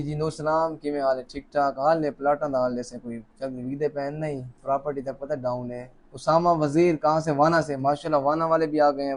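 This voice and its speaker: Chatty man hosting a live draw. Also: a little high. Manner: chatty, joking, warm greetings to viewers. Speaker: host of a live lucky draw. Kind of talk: casual live-stream chat, reading out names. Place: office, seated alone at a camera.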